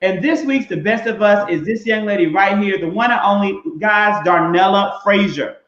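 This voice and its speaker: A man's voice: high-pitched, moderate pace, fairly bright tone. A man from Mississippi, co-hosting a casual discussion in an emphatic, preacherly cadence. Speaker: podcast co-host. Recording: roomy, dull lo-fi sound.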